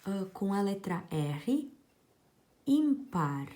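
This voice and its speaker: A woman teacher giving a slow, explanatory grammar lesson and stressing each example word. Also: medium pitch, sing-song, warm tone.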